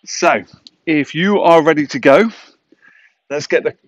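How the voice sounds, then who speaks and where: A man's voice: on the high side, unhurried, dry recording. A man in his thirties working as an aerobics instructor, calling out short, encouraging exercise cues and counts while he moves. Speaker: fitness instructor leading a home workout. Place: outdoors in a garden. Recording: loud electronic music behind the voice.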